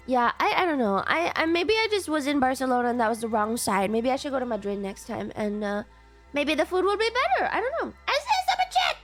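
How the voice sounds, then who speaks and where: A woman in her twenties with a cute anime-streamer voice, pitched very high and animated. She chats casually to her livestream viewers in a playful, giggly, excitable way, with music playing. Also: a little fast. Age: 20s. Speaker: VTuber livestreamer. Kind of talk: casual livestream chat, reacting to viewer messages.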